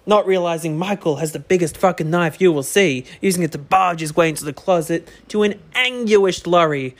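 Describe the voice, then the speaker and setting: A man's voice: on the high side, a little fast. A man co-hosting a podcast, casually recapping a horror film with jokes and casual swearing. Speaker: podcast co-host.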